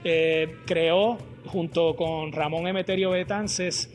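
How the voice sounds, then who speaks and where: A man giving an explanatory interview answer, pausing between phrases. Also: on the high side, fairly even intonation, soft background music.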